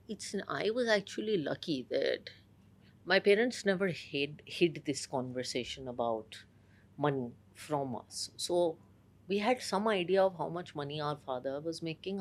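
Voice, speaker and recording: A woman with a polished, educated Indian accent, speaking articulately in a conversational interview. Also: sits low. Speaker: interview guest.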